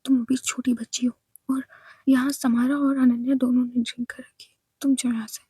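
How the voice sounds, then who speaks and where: A woman's voice: high voice, level tone, moderate pace, mellow, breathy edge, no echo, studio quality. A woman voicing a strict woman doctor who scolds and gives commands, in a whispered role-play. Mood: stern.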